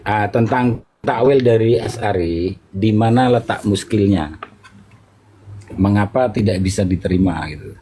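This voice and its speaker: A man asking questions in an online discussion over a voice call, hesitant and full of drawn-out fillers. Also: fairly low pitch, mellow, a little hiss or hum.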